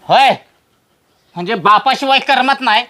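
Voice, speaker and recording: A woman's voice: fairly high pitch, unhurried, bright, forceful tone. A woman playing an angry middle-aged village father who scolds his daughter indignantly. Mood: scolding. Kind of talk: comedy sketch acting.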